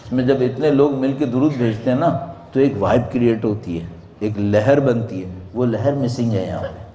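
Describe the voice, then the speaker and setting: A man giving a religious sermon to a congregation, swinging between loud rising questions and quiet drops. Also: slight background noise. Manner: dramatic rises and drops in pitch and volume, rhetorical questions. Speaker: preacher. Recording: echoey hall.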